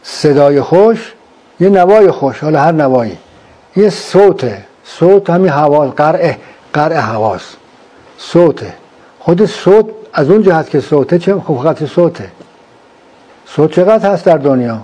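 A man's voice: on the high side, lively intonation, dark tone. A man in a philosophical conversation, probing with short leading questions. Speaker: interviewer.

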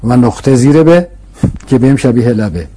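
Man with a dark, husky voice explaining patiently. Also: mid-range voice. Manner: patient, emphatic, uses rhetorical questions and repetition. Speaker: scholar explaining philosophy to an interviewer. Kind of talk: explanatory conversational lecture.

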